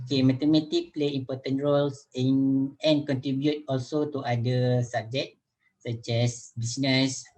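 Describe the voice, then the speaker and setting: A young man leads a student group discussion over a video call. His voice is dark and mellow, and he pauses often with fillers. He restarts his sentences as he talks. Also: medium pitch, poor audio. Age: young adult. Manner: hesitant, many fillers and restarts.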